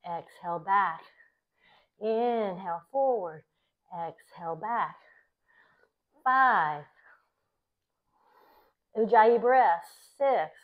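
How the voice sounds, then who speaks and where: A woman yoga instructor leading a class in calm, encouraging, short step-by-step cues timed to the breath. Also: mid-range voice, drawn-out words, long pauses. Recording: dull, lo-fi sound.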